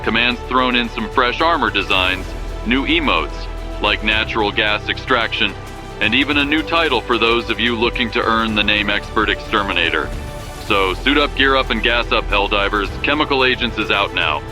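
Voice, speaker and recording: A man's voice: fairly low pitch, moderate pace, natural voice. A man playing a military news anchor, delivering a scripted wartime broadcast in a grave, rallying manner. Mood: rousing. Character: rousing male military war-bulletin anchor in sci-fi world. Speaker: bulletin host. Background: prominent background music.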